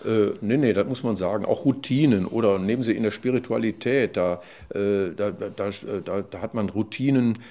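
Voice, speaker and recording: An older man, a psychology professor, explaining at length in an interview, with many fillers and restarts and a louder voice when he quotes others. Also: fairly low pitch, normal speed, hardly any pauses. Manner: animated, loud when quoting others. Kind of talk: conversational explanation.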